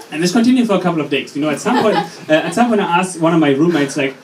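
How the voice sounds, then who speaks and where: A young man in his twenties with a German accent, a native German speaker doing open mic stand-up with a deadpan, halting, self-deprecating delivery. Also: fairly high pitch. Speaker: stand-up comedian. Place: college open mic venue with audience. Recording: roomy, distant, noisy audience recording.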